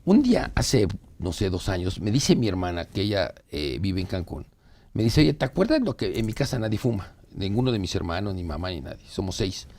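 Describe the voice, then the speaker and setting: A man with a low voice, a little gravelly, explains with a storyteller's ease. He keeps acting out what other people said and checks in with a quick "¿no?". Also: sing-song, a little mellow. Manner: storytelling, acts out quoted dialogue, asks rhetorical "¿no?". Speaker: psychologist guest. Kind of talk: conversational explanation with anecdotes.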